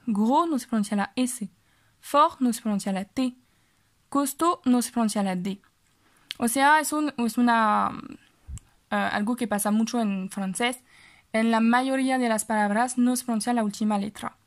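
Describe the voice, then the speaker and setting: Slow, patient woman teaching French. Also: fairly high pitch. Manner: patient, repeats words slowly with fillers. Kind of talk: reading lesson, slow explanation.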